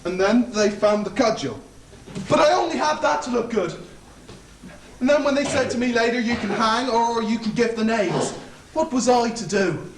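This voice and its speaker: A man's voice: very high voice, moderate pace, a little hiss or hum. A young man playing a fawning, anxious convict in a stage play, stammering and rambling, heard from far off on an echoey stage. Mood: nervous rambling. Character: fawning anxious male Irish convict hangman. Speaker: student actor.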